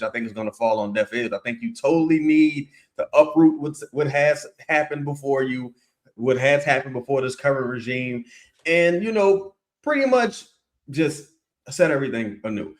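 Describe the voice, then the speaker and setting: A man co-hosting a casual basketball talk, measured and emphatic, often dropping "man". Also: medium pitch. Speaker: podcast co-host.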